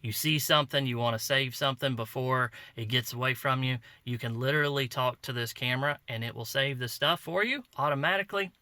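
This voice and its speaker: Male product reviewer, mid-pitch, folksy and easygoing, dry close sound. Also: fairly quick, few pauses, sharp tone, dry recording. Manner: folksy, conversational, walks through steps. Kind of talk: casual product review demo.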